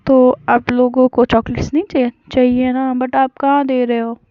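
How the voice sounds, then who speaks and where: A woman's voice: high voice, level tone, moderate pace, no room sound, lightly acted. A woman voicing an affectionate, teasing young woman who talks in a naughty, playful way, in a storytelling retelling. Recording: dull lo-fi recording.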